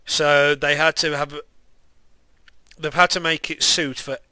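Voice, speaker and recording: Lisping young man, bright voice. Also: fairly high pitch, flat delivery, slow, no room sound, low-quality recording. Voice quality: lisp with whistling s sounds. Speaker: gaming video maker. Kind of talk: casual game commentary.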